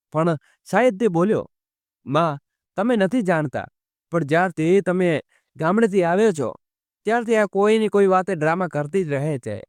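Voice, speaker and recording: A man's voice: high voice, no room sound, studio quality. A man narrating an emotional family story, reading every character's lines in his own storytelling voice. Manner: reads all the characters' lines in the same narrating voice. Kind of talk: scripted narration of a family drama.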